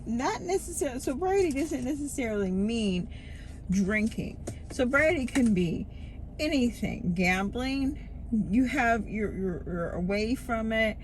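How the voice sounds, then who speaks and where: A woman giving a candid, casual personal monologue, rambling and halting, often circling back and repeating herself. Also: a little high, lively intonation, poor audio. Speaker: vlogger giving herself a pep talk. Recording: loud traffic and vehicle noise.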